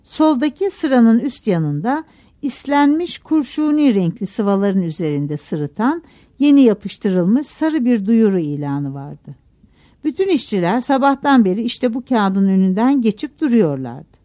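Expressive woman reading a novel. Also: on the high side, a little slow. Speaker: narrator. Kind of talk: audiobook narration of a novel.

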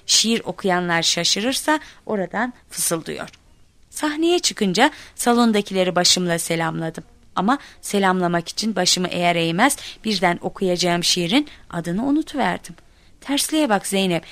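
A woman telling a comic first-person story in expressive narration, acting out shouts and cries. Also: mid-range voice, no echo. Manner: lively, acts out quoted shouts.

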